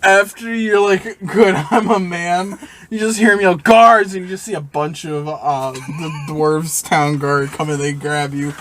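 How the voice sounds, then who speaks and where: A man running a tabletop game as game master, narrating the action with frequent laughs and quick asides. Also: a little high, fairly even intonation, a bit bright.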